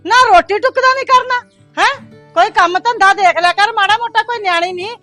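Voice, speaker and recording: A woman playing a high, scolding, nagging mother. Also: quick pace, fairly bright tone, dry recording, faint music behind. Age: middle-aged. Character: nagging middle-aged mother, strict and scolding. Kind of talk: short film dialogue.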